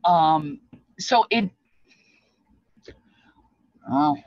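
The voice is low-pitched and lively in intonation but very slow, recorded dry and dull. It belongs to an older woman, beyond her fifties, who explains feast dishes in a rambling, reminiscent, reflective way from a small, cluttered indoor craft room via a webcam at desk distance.

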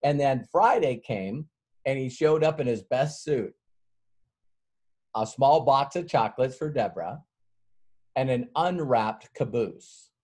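A man's voice: medium pitch, animated, measured pace, long pauses, darkish tone. Man telling a rambling sales story. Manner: rambling storyteller, chuckles often, many fillers. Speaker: workshop guest speaker. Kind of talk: motivational sales workshop talk.

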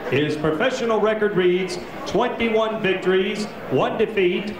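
A man working as a boxing ring announcer, proclaiming formally in a drawn-out arena announcer style. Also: sits high. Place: indoor boxing arena at a casino hotel. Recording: echoey hall, distant PA, crowd noise.

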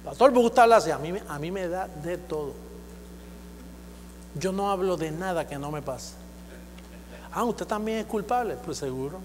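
Male preacher, high voice, exhorting sermon that climbs into loud declarations; reverberant hall with a faint hum. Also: animated, moderate pace, long pauses.

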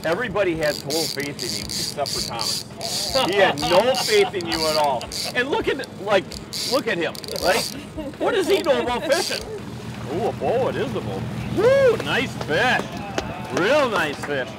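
A man's voice: high voice, wildly swooping pitch, normal speed, over a noisy crowd, poor audio. A man hosting a fishing show on a charter boat, whooping and teasing his crew as fish come in. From Wisconsin. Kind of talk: excited on-boat fishing chatter. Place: open charter boat on a big lake.

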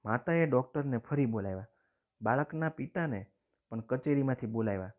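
A man with a Gujarati accent teaching a lesson, reading a story aloud and then explaining it plainly, often clearing his throat. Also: mid-range voice, lively intonation, fairly quick, a little mellow.

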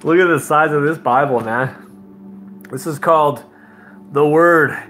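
A man preaching in a live-stream sermon, telling his testimony with frequent laughter and emotional, animated delivery. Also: a little high, takes it slowly, faint music behind.

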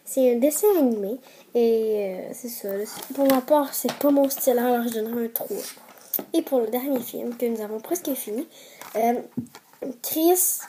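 Québécois woman reviewing movies, kinda high mellow voice, lots of uh's, excited and chatty. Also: normal speed, a little hiss or hum. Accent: Québécois French. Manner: hesitant, many fillers, chatty and enthusiastic. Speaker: film reviewer vlogger. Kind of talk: casual video reviews.

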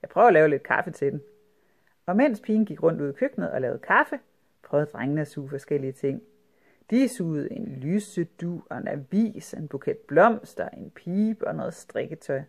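Storybook narrator, calm, even, mid-pitched. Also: vocal fry. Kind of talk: storybook reading aloud.

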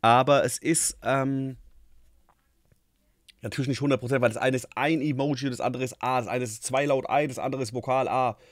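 A man's voice: medium pitch, fairly even intonation, a little fast, no echo. Guy reacting to a rap track, breaks down the rhymes, swears a lot, dry close sound. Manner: thinks aloud, picks apart lyrics and rhymes; swears casually, slangy. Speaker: host reacting to a rap song. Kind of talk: casual reaction commentary.

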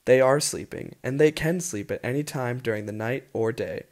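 A man's voice: mid-range voice, moderate pace, darkish tone, slight background noise. A man giving scripted documentary narration for kids, friendly and asking the listener questions.

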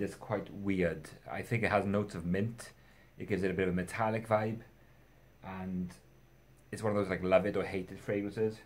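A man's voice: fairly low pitch, darkish tone. Rambling, self-mocking young man. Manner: rambling, self-deprecating, swears casually. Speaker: fragrance reviewer. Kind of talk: casual vlog chat.

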